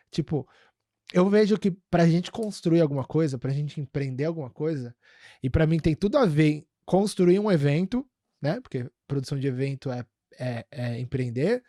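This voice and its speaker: A man's voice: a little high, mellow, dry recording, studio quality. A man hosting a podcast, telling stories in a rambling casual way with many fillers. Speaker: podcast host.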